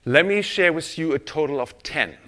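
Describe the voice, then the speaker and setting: On stage at a conference, a man delivers a keynote-style presentation straight to the crowd, telling stories with animation and keeping listeners engaged. His voice is slightly higher than the average man's and moves through wide pitch swings. He speaks at a moderate pace.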